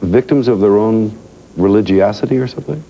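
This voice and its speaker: Man, TV news anchor and studio host, formal delivery, low dark voice, muffled old broadcast sound. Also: vocal fry, slight background noise. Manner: measured, formal newsreader delivery. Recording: dull lo-fi 1990s TV audio.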